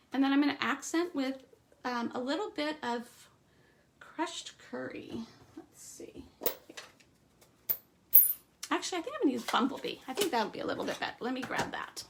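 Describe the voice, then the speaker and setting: A woman giving a live stamping demonstration, chatting through each step and trailing off into quiet asides. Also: high voice, vocal fry, noisy background. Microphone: streaming setup at a craft table.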